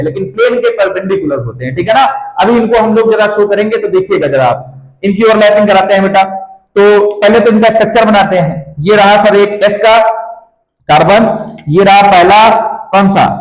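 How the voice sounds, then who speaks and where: A man teaching chemistry in a classroom lecture, asking students questions and answering them himself, with terms. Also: high-pitched. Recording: roomy echo.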